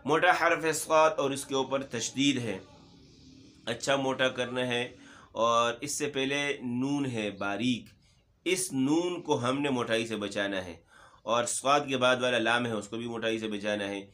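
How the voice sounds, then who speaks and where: A man teaching Quran recitation, briskly and patiently explaining pronunciation rules to learners. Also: mid-range voice, pushed and bright.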